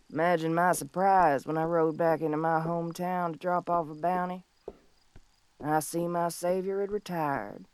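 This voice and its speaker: A woman playing a young, tough but tender tomboy bounty hunter of the Old West in an audio role-play, speaking in a folksy, halting, heartfelt way. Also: deep voice, clear, resonant tone, no echo. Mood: fond, earnest. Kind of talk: scripted audio role-play monologue, intimate and slow.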